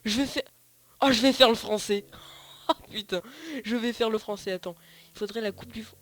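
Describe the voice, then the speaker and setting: A man's voice: high-pitched, fairly even intonation, normal speed, fairly bright tone. A man giving casual, rambling gameplay commentary, often correcting himself and swearing casually. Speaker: let's play host.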